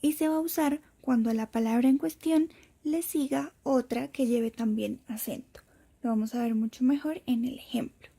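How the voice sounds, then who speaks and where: A woman teacher reading a scripted lesson, explaining each point slowly and carefully. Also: sits high, creaky, dark tone, husky. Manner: slow, careful explanatory delivery.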